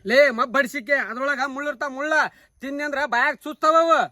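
A man's voice: very high voice, fairly even intonation, sharp tone, dry recording, full character voice. An actor playing a father with a North Karnataka Kannada accent who soothes his crying son and haggles with the seller. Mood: coaxing. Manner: rapid, scolding yet soothing.

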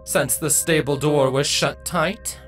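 A man's voice: a little high, takes it slowly, fairly bright tone, soft background music, pitched above the performer's own voice. A man voicing a tall, regal female changeling queen who speaks in a stately, courteous way.

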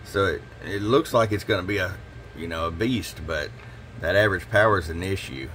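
A low-pitched man talks through a radio tune-up at his repair bench in a relaxed, folksy way. He keeps it casual, like he's talking to a customer. A faint hum sits under his voice. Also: a little fast. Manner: relaxed, folksy, repeats "hello" into the mic while testing. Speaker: CB radio shop owner and technician. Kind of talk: casual workshop demo talk. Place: radio repair workbench indoors.

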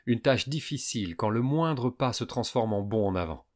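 A man calmly narrating a science fiction audiobook for young listeners. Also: medium pitch, normal speed. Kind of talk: scripted narration.

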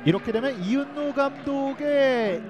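A man giving live play-by-play football commentary, excitable and shouting out chances. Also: very high voice, unhurried, over music.

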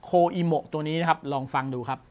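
A man's voice: fairly high pitch, fairly even intonation, quick pace. A man hosting a tech news show, explaining a gadget in a casual, enthusiastic way and exclaiming often.

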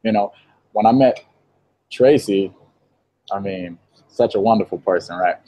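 A young man from Israel, a guest on a video call interview, telling his story in a relaxed way with light laughs, speaking into an earphone mic in a shop. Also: fairly low pitch, unhurried, rough recording. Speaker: interview guest, vegan baker. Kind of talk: casual interview. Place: indoor shop with green wall. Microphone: earphone headset on video call.

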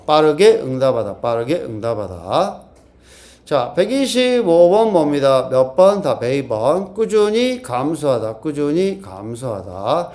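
Man, exam-prep teacher, mellow warm tone, somewhat high pitch, drills with rhetorical questions. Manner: drilling, repeats key phrases, asks rhetorical questions. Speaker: TOEIC English teacher. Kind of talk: lecture.

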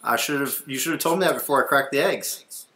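This livestream host speaks a little fast with a bright, forceful, medium-pitched voice, chatting with viewers while he cooks breakfast and adjusts his audio settings. The distant mic picks up a roomy, cave-like echo and a touch of noise.

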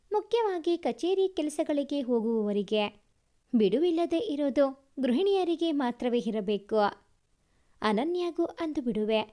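High-voiced woman reading a story. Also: mellow. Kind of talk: scripted story narration.

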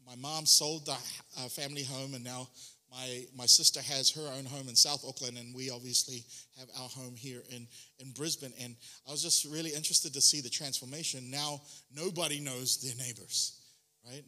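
Bright-voiced New pastor preaching. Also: male voice, medium pitch, fairly even intonation, moderate pace. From New Zealand. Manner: chatty, self-deprecating, frequent ums and restarts. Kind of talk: sermon.

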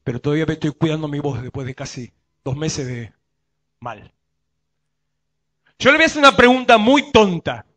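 A man's voice: on the high side, sharp tone. A male pastor with a Rioplatense Spanish accent preaching a sermon and asking his congregation questions.

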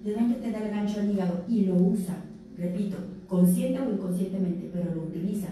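A brisk, medium-pitched woman with a dark tone and a Mexican Spanish accent leads a health fair talk for teens. She keeps it conversational and voices the abusers and victims she quotes herself. The sound is distant and very echoey, with faint noise in the event room.

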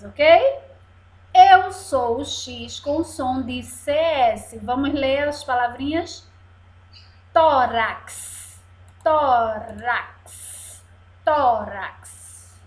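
Lady teacher, super slow and patient, stretches every syllable for the kids, roomy echo. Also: high voice. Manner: patient, draws out each word slowly, syllable by syllable. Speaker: primary school teacher. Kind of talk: video lesson for young children. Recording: echoey room sound.

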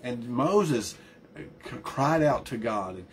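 A man's voice: medium pitch, normal speed, slight background noise. Earnest male pastor preaching a sermon. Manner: earnest, emphatic preaching with frequent restarts and repeated words.

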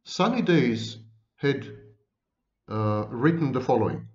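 A man with a thick foreign accent, lecturing on psychology in an emphatic way, stacking word after word with long pauses. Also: mid-range voice, animated, a little mellow, echoey room, muffled recording. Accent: foreign accent, non-native English. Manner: emphatic, lists words one by one with long pauses. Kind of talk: lecture to camera.

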